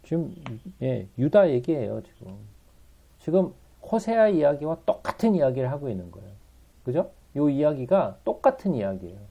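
A man's voice: a little high, big pitch swings, normal speed, gravelly, mellow. A man giving a Bible study sermon, pleading with emotion and asking his listeners rhetorical questions. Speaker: Bible teacher.

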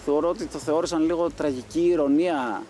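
A young man with a mellow, dark voice speaks calmly and in a measured way, with faint background hiss. He is a reality show contestant in a confessional, sounding exasperated. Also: on the high side. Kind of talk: confessional interview.

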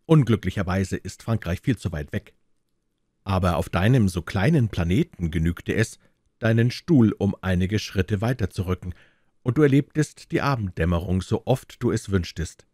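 A man narrating a classic storybook aloud, with calm, measured delivery. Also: low-pitched, dry recording, studio quality. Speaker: audiobook reader.

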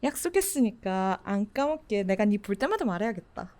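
A woman voicing a cocky, teasing teenage girl classmate in a Gyeongsang dialect, in a whispered role-play with a soft, close-mic delivery. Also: mid-range voice, sing-song, brisk, lightly acted. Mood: playful. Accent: Gyeongsang Korean dialect. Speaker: voice actor.

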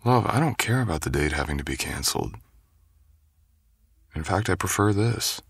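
A man playing a tender, doting boyfriend in a soothing, intimate ASMR role-play, with a breathy, gravelly low voice. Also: lively intonation, moderate pace, no room sound, studio quality, full character voice. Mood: tender, reassuring. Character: tender, doting boyfriend comforting his sick partner. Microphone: close, dry microphone.

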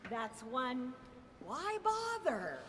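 Woman playing a bubbly coffee expert, very high and swooping, excitable, stage comedy skit, echoing hall. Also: very slow, noisy background, heavily acted. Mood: excited. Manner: excitable, bouncy, exclaiming. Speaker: skit performer in a women's chorus. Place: large auditorium stage.

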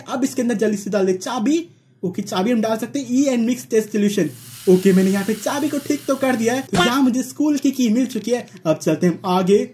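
A young man with a high, mellow voice narrates as he plays a horror game for his YouTube channel. He's tense, urging himself forward and yelping whenever he gets caught.

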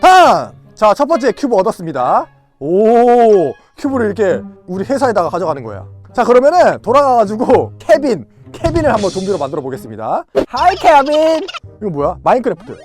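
A VR game YouTuber giving excited gameplay commentary, loud and playful, yelling at the characters in the game. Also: medium pitch, a little fast, soft background music.

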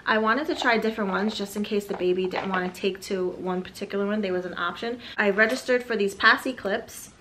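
A woman's voice: medium pitch, steady tone, fairly quick, hardly any pauses, fairly bright tone, slight background noise. A young woman, an expectant mother, chatting casually through a haul of baby items, a little out of breath, with fillers and asides. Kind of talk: casual product haul vlog.

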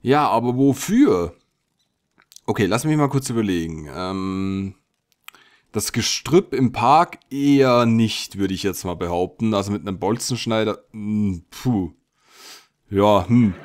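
A man's voice: fairly low pitch, a little slow. A man hosting a let's play, musing and thinking aloud with many hesitations as he plays. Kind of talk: casual gameplay commentary.

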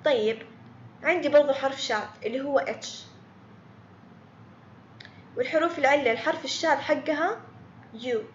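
A woman's voice: high voice, roomy sound, dull audio, slight background noise. A woman teaching a beginner English grammar lesson online, patiently repeating words and quizzing students by name.

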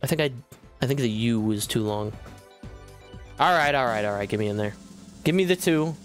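A man's voice: medium pitch, normal speed, soft background music. A man streaming a video game live, swearing often and breaking into yelps and laughter as he talks to his viewers. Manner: profane, excitable, bursts into yelps and laughs. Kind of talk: live gaming stream commentary.

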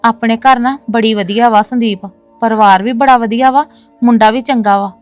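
A woman's voice: fairly high pitch, steady tone, moderate pace, faint music behind, natural voice. An actress playing a proud woman who insists on defending her brother and his family in a domestic drama. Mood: insistent. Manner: earnest, insistent, repeating "no, no, sister". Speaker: actress in a web series.

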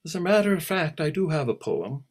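A man reading aloud and voicing a haughty, contrary young mermaid girl, bossy and careless in manner, with a slightly husky voice. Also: fairly high pitch, sing-song, a little fast, voice pushed up.

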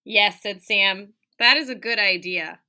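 A woman in her thirties who teaches elementary school reads a picture book aloud with lots of animation, leaning on key words and asking her young listeners questions along the way. Her voice is medium in pitch, unhurried, pushed and bright. She is in a small indoor room beside a window.

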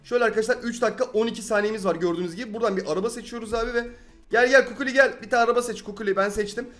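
A young man giving excited let's-play commentary on a game, addressing viewers and repeating his exclamations when he gets frustrated. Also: very high voice, rapid-fire, faint music behind. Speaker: gaming YouTuber.

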